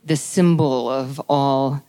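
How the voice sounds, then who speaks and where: A woman's voice: a bass voice, fairly even intonation, takes it slowly, dark tone. A woman hosting a podcast, talking onstage at a live bookstore taping. She sounds thoughtful and searching, and often restarts her sentences. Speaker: podcast host.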